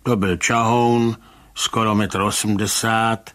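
A man reading a story aloud, voicing a gruff, weary police commissioner who speaks dryly and calmly. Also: close to an everyday voice. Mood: matter-of-fact. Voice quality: grumbling, dry, low. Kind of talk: audiobook reading of a short story.

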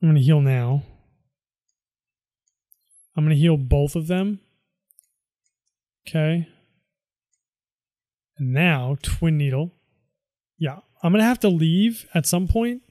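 A tired man talks through a video game run, muttering reactions to himself. He speaks slowly, with a slightly high voice. The recording is close and dry, with no room sound. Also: warm tone, no echo. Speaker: let's play host. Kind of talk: casual gameplay commentary.

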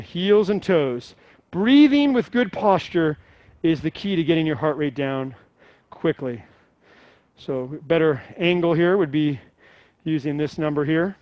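A man's voice: a little high, a little mellow, no echo. A middle-aged man coaching a live workout, giving encouraging cues and instructions to a class. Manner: encouraging, calling out cues and counts. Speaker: fitness coach. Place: indoor gym studio.

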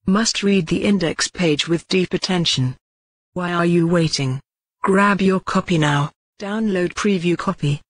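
A woman narrating a scripted promotional voice-over for a training manual, reading out a list of selling points in a steady pitch. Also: unhurried, no room sound.

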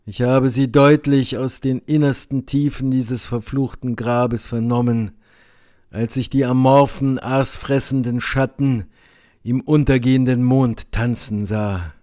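Male audiobook narrator, measured grave delivery, slow pace, medium pitch. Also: fairly even intonation, dark tone. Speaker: audiobook reader.

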